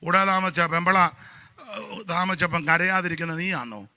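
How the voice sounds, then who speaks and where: A man preaching a sermon as pastor, building to loud emphatic peaks and dropping low for mocking asides. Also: moderate pace.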